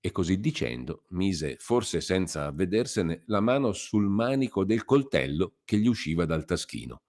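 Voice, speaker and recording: A man with a very low, deep voice reading a classic novel aloud for radio. His storytelling is measured and expressive, with a scripted narrator's steady delivery. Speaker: reader.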